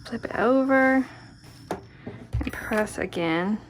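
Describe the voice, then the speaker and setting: At a craft worktable indoors, a woman hosting a quilting tutorial talks slowly in a fairly high voice, chatting casually and murmuring encouragement to herself as she works. There's noise in the background.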